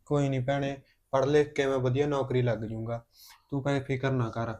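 An actor playing a young student brother who gently comforts his crying sister. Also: mid-range voice, level tone, close to an everyday voice. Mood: comforting. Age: young adult. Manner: gentle, comforting, quick-talking. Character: reassuring younger brother, student, easygoing and kind. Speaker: actor in a short family drama. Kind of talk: village family drama.

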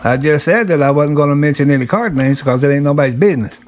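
A man's voice: a little high, quick pace, faint music behind. A man chatting casually on phone calls, teasing the callers in a folksy way. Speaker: prankster taking telemarketer calls. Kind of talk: casual joking phone chat. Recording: faint background noise.

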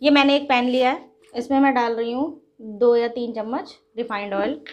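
A woman with a fairly high voice speaks at a moderate pace and keeps her intonation fairly even. She hosts a cooking channel from her home kitchen with a gas stove, patiently walking viewers through each step of a recipe. Her manner is instructive, and she talks to her audience like friends.

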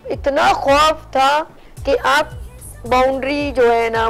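A woman's voice: a little high, creaky. A woman hosting a morning talk show, speaking earnestly and at length in a casual studio discussion. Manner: earnest, lecturing, talks at length.

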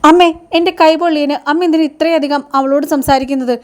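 Young man standing up to his mother, firm and pleading, read by a woman in her own high voice. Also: fairly even intonation, quick pace, natural voice. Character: grown son defending his wife.

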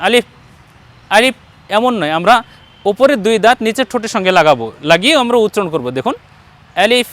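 This is a man with a high, somewhat bright voice, patiently teaching one student how to pronounce the Quran. He sounds out each letter as an example and encourages the learner along the way.

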